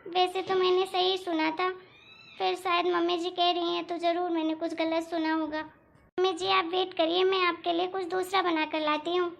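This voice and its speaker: A woman's voice: extremely high pitch, flat delivery, normal speed, creaky. A woman voicing a meek, dutiful young daughter-in-law in a cartoon story, polite and pleading. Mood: apologetic. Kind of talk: animated cartoon voice acting.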